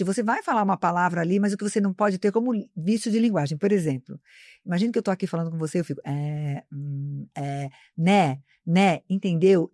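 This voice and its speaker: A woman's voice: medium pitch, a little mellow, no room sound, clean studio sound. A woman who teaches marketing, explaining communication as a guest in a live interview, in an instructive, lecturing way. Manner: didactic, explanatory, addresses host by name. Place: studio, live broadcast.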